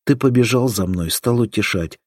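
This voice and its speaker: A man reading the part of an affectionate, teasing young village girl in an audiobook, lifting his voice into a bright pleading lilt. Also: mid-range voice, moderate pace, breathy edge, no echo, studio quality, voice pushed up, close to an everyday voice. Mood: tender.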